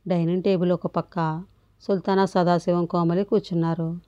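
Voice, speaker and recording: A woman narrating a novel as an audiobook, reading in a steady, measured way. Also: on the low side, no room sound, dull audio.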